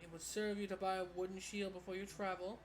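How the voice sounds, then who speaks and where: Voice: mid-range voice, flat delivery, fast talker, close to an everyday voice. Someone putting on a mystical, portentous fortune teller, noisy recording. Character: theatrical mystical fortune teller, creepy, self-assured.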